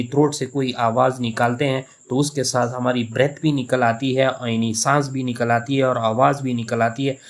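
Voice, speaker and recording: A man from Pakistan teaches English poetry in a recorded lecture. His voice sits at an ordinary middle pitch, and he explains patiently, circling back to restate points and repeating example words aloud. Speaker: English literature professor.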